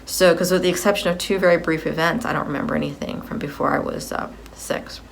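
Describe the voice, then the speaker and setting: A woman's voice: sits low, steady tone, fast, creaky, a little hiss or hum. A woman in her fifties giving a personal video update, rambling as she repeats and corrects herself. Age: 50s.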